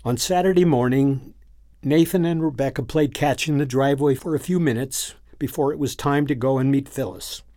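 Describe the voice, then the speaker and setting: A man's voice: mid-range voice, no echo. Man narrating a story, dry close sound. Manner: even, unhurried reading.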